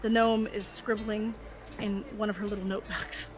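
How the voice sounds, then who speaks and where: A woman's voice: mid-range voice, level tone, normal speed. A woman bantering casually and narrating bits of a tabletop role-playing game. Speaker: tabletop game player voicing side characters. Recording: music playing behind the voice. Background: music.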